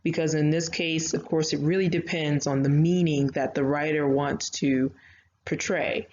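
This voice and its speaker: A woman's voice: low voice, fairly even intonation, normal speed, darkish tone. A young woman writing instructor giving a recorded online grammar lesson, talking patiently and conversationally with frequent fillers. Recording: slightly dull lo-fi sound with faint noise.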